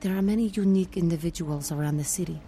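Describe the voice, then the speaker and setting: An actress playing a cryptic, troubled seer in a video game, speaking halting, eerie prophecies in riddles. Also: female voice, on the low side, mellow, soft background music, close to an everyday voice. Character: cryptic, troubled young female seer telling dark fortunes. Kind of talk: dramatic video game acting. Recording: noisy, with background ambience.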